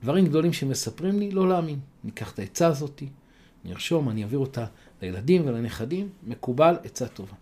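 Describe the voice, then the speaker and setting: A man telling a moral folk tale, pausing to explain its lessons. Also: mid-range voice, animated, dark tone. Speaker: storyteller.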